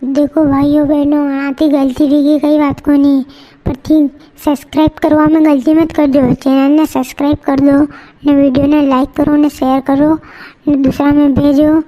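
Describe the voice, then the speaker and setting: A woman voicing a rustic, quick-tempered village tea-stall man with a Malwi accent, bantering bluntly in a cartoon. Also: sits high, warm tone.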